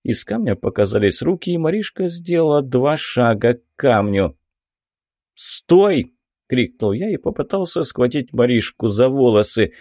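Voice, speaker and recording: Lively, warm male audiobook narrator. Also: medium pitch, moderate pace, dry recording, clean studio sound. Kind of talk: first-person audiobook narration.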